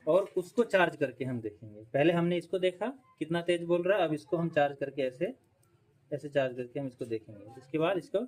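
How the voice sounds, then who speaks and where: Higher-voiced man teaching fan repair. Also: a little mellow, a little hiss or hum. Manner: explanatory, repeats points, frequent "ठीक है" check-ins; demonstrating with tools while talking. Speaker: electrician instructor. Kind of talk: hands-on repair tutorial.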